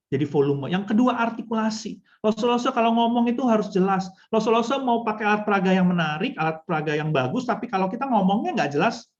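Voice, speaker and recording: A woman's voice: low voice, darkish tone, highs cut off. A woman trainer teaching a storytelling workshop for children's ministry. She speaks instructively, addresses her listeners often and acts out short examples. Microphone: video call.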